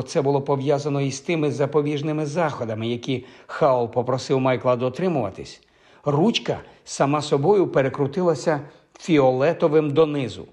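A man narrating a fantasy audiobook in a measured, expressive storytelling manner. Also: medium pitch.

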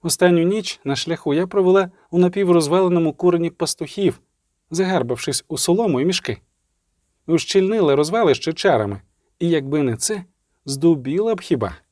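A man reading the part of a sharp-tongued young sorceress in an audiobook, with ironic, sarcastic delivery. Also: a little high, animated, brisk, dry recording, clean studio sound, pitched above the performer's own voice, close to an everyday voice. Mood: weary.

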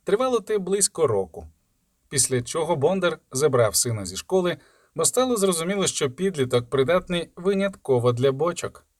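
A man reading a fantasy story aloud in steady narration. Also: on the high side, moderate pace, no echo, studio quality. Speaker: audiobook reader. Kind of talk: scripted fantasy audiobook narration.

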